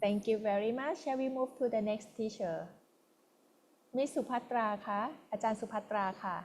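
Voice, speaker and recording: Quick-talking Thai woman moderator. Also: on the high side, a little mellow. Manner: switches between English and Thai, polite and hurried. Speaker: online workshop moderator. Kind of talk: hosting introductions on a video call. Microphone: video call.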